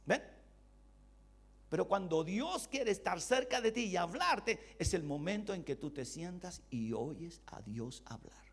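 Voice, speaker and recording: Male pastor teaching a Bible study, high voice with big swings, rhetorical questions to the room. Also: a little slow, breathy edge. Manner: animated, rhetorical questions to the congregation; voices God's replies in a low voice.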